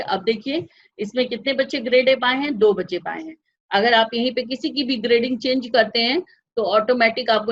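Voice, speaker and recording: Female teacher, slightly high voice, patient and repetitive, muffled low-fidelity recording. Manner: patient, repeats each step, asks the class if they follow. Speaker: computer class teacher. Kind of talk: step-by-step software lesson.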